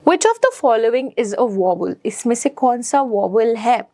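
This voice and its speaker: A woman's voice: fairly high pitch, lively intonation, takes it slowly, mellow, no room sound. A woman teacher with an Indian English accent leads a children's phonics lesson. She mixes Hindi and English and spells words out letter by letter before saying each one. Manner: spells words letter by letter, then says them.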